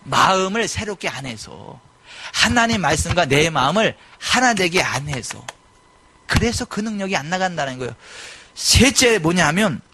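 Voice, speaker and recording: A middle-aged male pastor preaching a sermon in a church, animated and given to sudden loud exclamations. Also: a little high, normal speed, husky. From South Korea. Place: church sanctuary.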